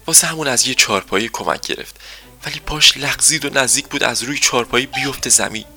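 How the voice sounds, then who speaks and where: A man narrating a children's story in a gentle storytelling manner. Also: mid-range voice, husky, faint music behind.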